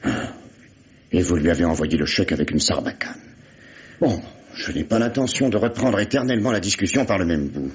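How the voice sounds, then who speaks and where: This actor voices a sardonic investigator in a vintage French radio mystery from the 1950s, pressing a suspect with false fatherliness. He talks briskly in a low voice with lively intonation, and the old radio recording sounds dull and lo-fi.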